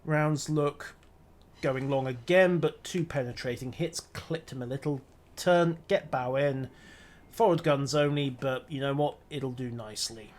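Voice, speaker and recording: Medium-pitched and darkish in tone, this man speaks unhurriedly while streaming a naval battle game. He mutters dry, wry self-commentary as he works through each move live.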